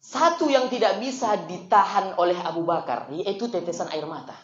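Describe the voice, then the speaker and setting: A man's voice: sits high, expressive, moderate pace. A man, giving a chatty, joking religious talk and asking the audience questions. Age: 20s. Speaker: preacher. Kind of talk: casual religious talk to young people. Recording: echoey room, dull lo-fi sound.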